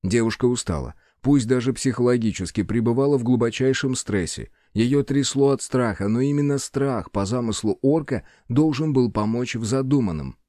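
A man narrating an action story in a measured, dramatic reading. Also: mid-range voice, dark tone, no echo, clean studio sound. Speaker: audiobook narrator. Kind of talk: scripted narration.

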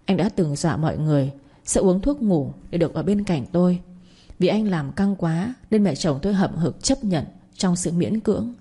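A woman narrating a first-person family story in a soft, steady manner. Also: fairly low pitch, normal speed, breathy edge.

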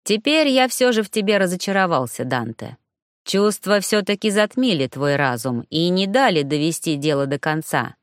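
A woman's voice: on the low side, big pitch swings, normal speed, dry recording, studio quality. A woman reading the part of a scheming male sorcerer villain, drawling and coldly mocking.

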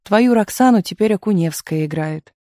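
A reader voicing a tearful, excitable young actress Taisia, speaking in high, breathless exclamations in a dry studio recording. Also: normal speed, dry recording, natural voice. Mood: rueful.

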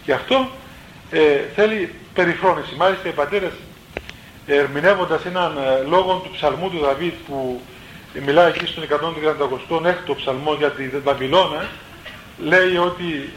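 A man's voice: on the high side, a bit bright. A man, a priest, giving a spoken sermon in a plain teaching tone, often adding small asides and correcting himself mid-phrase. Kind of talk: spoken sermon on spiritual life. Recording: roomy echo, faint background noise.

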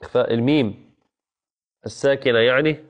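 A man teaching a Quran recitation lesson, patiently repeating key phrases and chanting verses slowly. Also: medium pitch. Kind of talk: online tajweed lesson.

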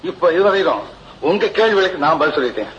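An actor playing a playful, teasing film hero in conversational dialogue. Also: male voice, on the high side, sing-song, fast talker, fairly bright tone, muffled recording, slight background noise.

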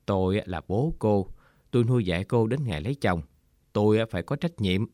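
A man's voice: lowish voice, animated, fairly quick, warm tone, dry recording, studio quality, close to an everyday voice. A man reading as a hurt aging father. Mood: anguished. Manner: reproachful, pained. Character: gentle aging father, hurt and weak-willed.

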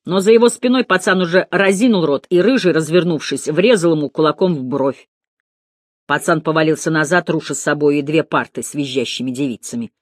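Lively low-voiced woman narrating a story. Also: no room sound, studio quality. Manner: lively expressive reading. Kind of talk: audiobook narration.

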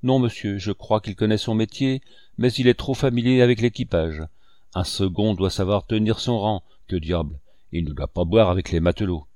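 In studio-quality audio with no echo, a man with a lowish, slightly mellow voice reads an audiobook at a normal pace, sounding close to everyday speech. He voices a blunt ship captain whose stern lines come out formal, firm, and clipped.

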